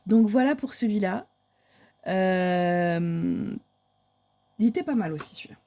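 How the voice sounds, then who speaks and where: A woman's voice: mid-range voice, animated, takes it slowly, dark tone. A woman, casually showing her month's coloring pages in a chatty, hesitant way with many fillers. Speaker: crafting vlogger. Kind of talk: casual show-and-tell of coloring books.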